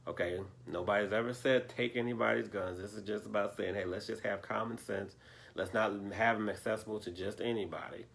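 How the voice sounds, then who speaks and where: A man hosts a loose political discussion, speaking straight to his audience in a low, gravelly voice. He stops now and then to find his train of thought. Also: steady tone, brisk, a bit bright. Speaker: host.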